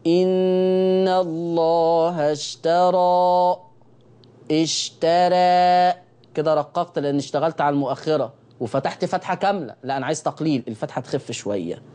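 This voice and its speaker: Mellow-voiced Egyptian man teaching recitation. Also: a little high. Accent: Egyptian Arabic. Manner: repeats key phrases and sounds out letters slowly for viewers to copy. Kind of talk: televised recitation lesson.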